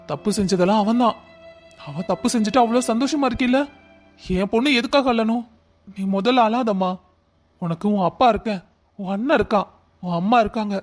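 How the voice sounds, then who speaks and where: A man's voice: sits high, close to an everyday voice. A man voicing a firm, protective middle-aged father in a cartoon family story, speaking in a commanding way. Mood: consoling.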